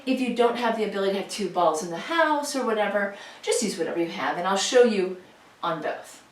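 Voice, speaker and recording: Upbeat woman trainer with an animated, chatty delivery, recorded at a distance in a room at home. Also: medium pitch, fairly quick, slight background noise. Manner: chatty and playful, cueing moves in a sing-song voice. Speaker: fitness instructor. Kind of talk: home workout instruction. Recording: echoey room, voice from far off.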